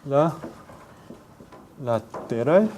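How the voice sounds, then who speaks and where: Man, lecturer, slow, animated pitch, mellow tone, repeats words to demonstrate. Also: slight background noise. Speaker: university lecturer. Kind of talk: classroom phonetics lecture. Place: lecture room.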